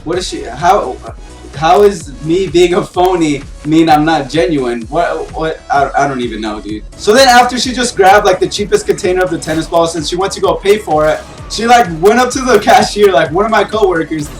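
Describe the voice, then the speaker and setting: A young man tells a story casually, his voice sitting high. He rambles with "like" at every turn and sounds incredulous. He is off the mic in an echoing room. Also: normal speed. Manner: rambling, many "like" fillers, incredulous. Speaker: vlogger. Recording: roomy and distant, faint music.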